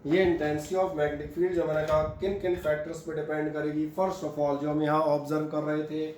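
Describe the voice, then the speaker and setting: A man's voice: a little high, little pitch movement, moderate pace, a little mellow. A man teaching a physics class, explaining step by step and asking and answering his own questions. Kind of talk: classroom lecture, mixing Hindi and English. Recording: echoey room with faint hum.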